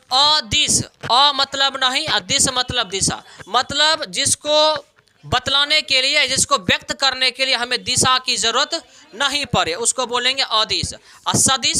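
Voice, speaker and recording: A man's voice: very high voice, sharp tone. A male teacher giving an exam-prep science lesson, asking the class questions and answering them himself. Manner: questioning, answers own questions, homely examples.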